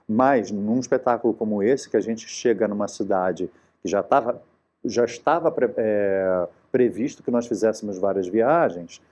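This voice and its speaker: A man's voice: on the low side, normal speed, darkish tone. A man, a guest actor talking earnestly in a casual interview and often restarting his sentences. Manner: earnest, searching for words with many restarts.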